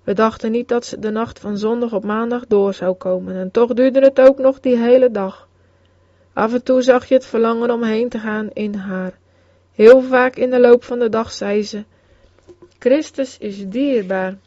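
A woman reading aloud a devotional account in a solemn manner, slowing down for the quoted prayers. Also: on the high side, fairly even intonation, warm tone, no room sound, lo-fi sound. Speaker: reader.

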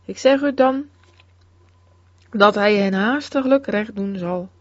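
A woman giving a solemn, measured scripted narration of a religious memoir. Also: medium pitch, no echo. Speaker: reader. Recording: dull, dry close recording.

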